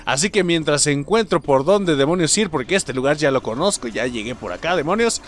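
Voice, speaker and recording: A young man with a Mexican accent, joking and yelling through a let's play of a video game. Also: a little high, brisk, slight background noise. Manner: excitable, jokey, yells at enemies. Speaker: gaming YouTuber.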